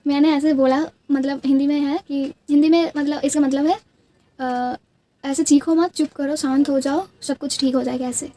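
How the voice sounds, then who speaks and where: A woman's voice: high-pitched, fairly even intonation, normal speed, warm tone. A young woman with a Bengali accent, a native Bengali speaker, telling childhood stories in casual chat while doing her makeup, rambling with many restarts. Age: young adult. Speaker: beauty vlogger.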